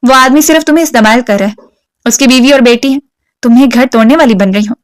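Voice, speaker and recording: A proud, stubborn young woman who fires back sharp, defiant answers, read by a woman narrator. The voice is fairly high, smooth and clear, with a dry studio sound. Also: dry recording, lightly acted. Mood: scolding.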